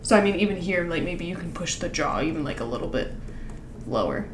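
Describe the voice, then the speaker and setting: With a fairly low, lively voice, the woman speaks briskly while critiquing animation casually over a screen share. She rambles, uses lots of fillers, and laughs often; the sound is roomy with background noise.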